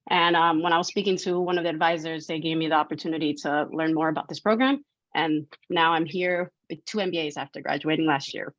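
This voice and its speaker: A young woman introducing herself on a video call, with a slightly low voice. The audio is dull and dry, and she talks in a loose, friendly way, often pausing with an um. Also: steady tone, fairly bright tone, dry recording. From United States. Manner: friendly, loose, with frequent ums. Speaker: alumna guest speaker.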